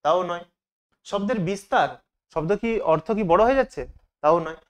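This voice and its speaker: A man's voice: sits high, animated, a little fast. A man teaching as he works through exam questions, asking each question aloud and then answering it himself. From Bengal.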